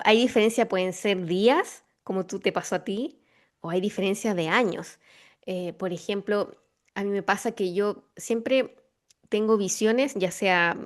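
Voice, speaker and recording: A woman with a Chilean accent hosting a casual spiritual podcast conversation, reflective and full of fillers and restarts. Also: medium pitch. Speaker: podcast host.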